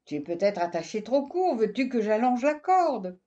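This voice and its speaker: A woman's voice: fairly high pitch, very animated, normal speed, warm tone, voice pushed up. A woman voicing a worried, kindly old farmer who frets and exclaims over his goat. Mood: fretful. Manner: fretful, exclaiming, pleading. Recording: dull lo-fi recording.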